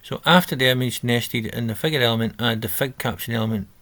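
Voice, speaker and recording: A man with a mid-range, sharp-toned voice talks fast through a coding exercise on a screen recording. Acting as a coding tutor, he reads out the instructions and thinks aloud, correcting himself as he goes, with keyboard typing in the background.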